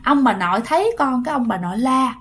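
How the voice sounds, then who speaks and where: A woman's voice: high-pitched, expressive, quick pace. A woman, chattily narrating a ghost story and addressing listeners directly.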